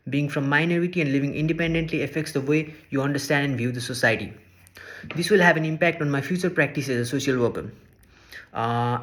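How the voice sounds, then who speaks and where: This young adult from Nepal, studying social work, presents prepared class material in English with a fairly high pitch. Earnest and measured in manner, he works through a list of points one at a time.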